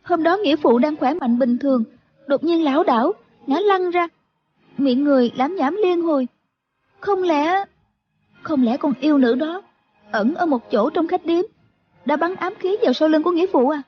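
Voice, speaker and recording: A high, plaintive young woman speaks softly, as a male audiobook narrator puts her on. She sounds wronged and anxious. The audio is dull and lo-fi. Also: moderate pace, long pauses. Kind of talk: audiobook character voice.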